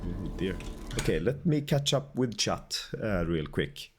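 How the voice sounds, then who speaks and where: A man's voice: lowish voice, big pitch swings, measured pace, husky, faint music behind. A man streaming a game, chatting politely with viewers and thanking them, with a stuffy nose and a cough. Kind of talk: casual gaming commentary.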